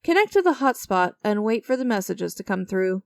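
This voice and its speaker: Her mid-range, creaky voice swings widely in pitch at normal speed as she voices a mysterious, creepy dealmaker in a dramatic audio roleplay. The performance is teasing and theatrical, smug and coaxing, with a smug, playful mood.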